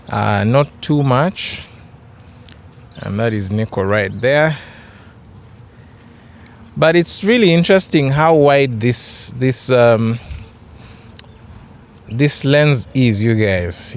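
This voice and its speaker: Slow-talking young Ugandan man vlogging. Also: mid-range voice. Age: young adult. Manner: hesitant, repeats words. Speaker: photography vlogger. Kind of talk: casual camera review vlog. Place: open grassy yard outdoors.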